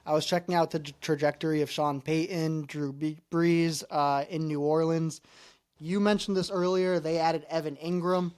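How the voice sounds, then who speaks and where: A man co-hosting a podcast, chatting casually about fantasy football and running through stats with fillers and pauses. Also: a little high, flat delivery, darkish tone, clean tone. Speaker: podcast co-host.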